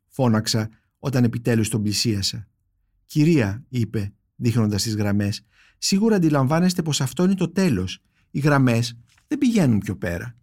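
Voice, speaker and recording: A man reading a translated poem aloud in a measured, reflective way, then recommending books on his podcast with many thoughtful pauses and fillers. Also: medium pitch. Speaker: podcast host, book critic.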